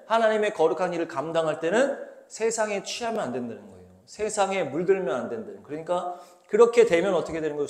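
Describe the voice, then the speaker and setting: A man's voice: on the high side, darkish tone. A male pastor giving a conversational sermon, reading scripture and explaining it with rhetorical questions. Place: small church hall. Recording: roomy echoing room.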